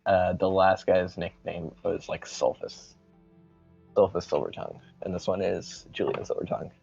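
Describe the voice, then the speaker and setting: A man's voice: sits low, steady tone, moderate pace, creaky, a little mellow, slightly rough, soft background music. A man acting as game master, casually narrating a tabletop game. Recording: dull lo-fi voice audio.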